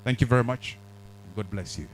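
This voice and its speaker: A man hosting an event, thanking guests and speaking to viewers in a deliberate way with fillers. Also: medium pitch, a little hiss or hum, rough recording. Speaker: host.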